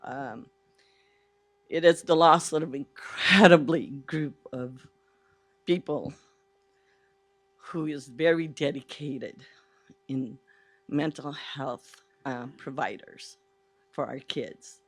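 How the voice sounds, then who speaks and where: Nervous, halting woman with a numb mouth. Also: low voice. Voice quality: slightly numb-mouthed speech from the dentist. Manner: halting, earnest, with pauses mid-phrase. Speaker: public speaker at a school board meeting. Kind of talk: nervous public comment, halting prepared remarks.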